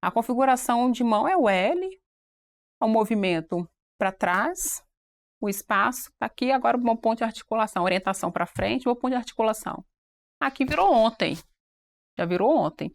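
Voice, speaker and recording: A woman presenting on a church program, explaining sign language in a relaxed, quick, animated way. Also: a little high, gravelly. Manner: self-described fast-paced, animated explainer. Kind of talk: casual panel chat.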